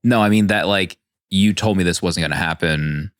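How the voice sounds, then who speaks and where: A man hosting a casual movie podcast, chatty and quick to laugh, often restarting his sentences. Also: low voice, no room sound, clean studio sound. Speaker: podcast host.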